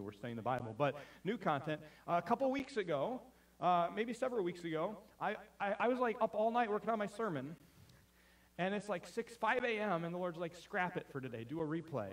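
In a church sanctuary, a high-voiced male pastor, recorded from a distance, preaches a chatty, self-deprecating sermon. He often stumbles and restarts in the middle of sentences.

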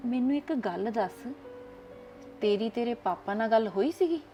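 An actress playing an older grandmother who talks to her granddaughter in a warm but bossy way. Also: fairly high pitch, expressive, moderate pace, soft background music, lightly acted. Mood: doting. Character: doting grandmother, protective and firm.

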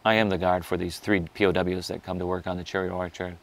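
A man who is an actor, talking in an easygoing, animated way in an interview. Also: sits low, fast talker, vocal fry, slight background noise. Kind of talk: documentary interview. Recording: music playing underneath.

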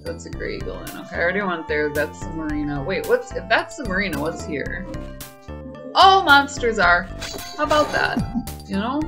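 A woman's voice: on the low side, very animated, normal speed, over music. A woman chatting through a video game as its streamer, playful and wry, often exclaiming.

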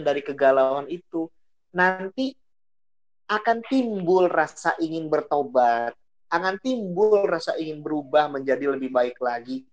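Woman, low voice, casual religious talk, repeats phrases for emphasis. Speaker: religious speaker.

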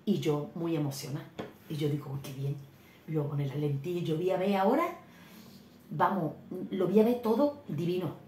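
Woman, middle-aged, low voice, animated storytelling, echoey room. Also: moderate pace, slight background noise. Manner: chatty, animated, exclamatory anecdote telling. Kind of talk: casual storytelling vlog. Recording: echoey room with faint ambience.

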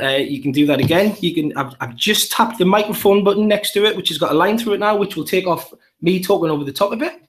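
A man's voice: fairly high pitch, fairly bright tone. A man with a Geordie accent, a primary school teacher, walking through an app demo step by step in an upbeat way. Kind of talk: live app demonstration.

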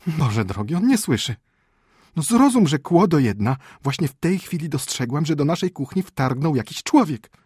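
A man reading an audiobook and voicing a frightened, indignant wife in a shrill, pleading voice. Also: big pitch swings, moderate pace, a little mellow, breathy edge, dry recording, studio quality. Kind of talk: audiobook character voice.

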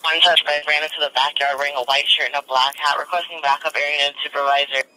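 A male police dispatcher heard over a police radio, calling out terse, flat, procedural dispatch. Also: on the high side, fast, low-quality recording. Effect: police radio transmission. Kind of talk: clipped radio dispatch call.

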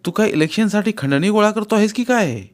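A man's voice: high voice, expressive, fast, pitched above the performer's own voice. A man voicing a wary, educated younger man who answers his friend's offers with surprise and doubt in a read-aloud novel. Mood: wary, doubtful.

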